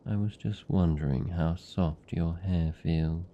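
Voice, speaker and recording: A man voicing a lonely, tender and possessive vampire count in a British accent, speaking softly and soothingly in an intimate ASMR roleplay. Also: low-pitched, fairly even intonation, lo-fi sound, a little hiss or hum. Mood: soothing, affectionate. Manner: soft, slow, soothing, lingering pauses.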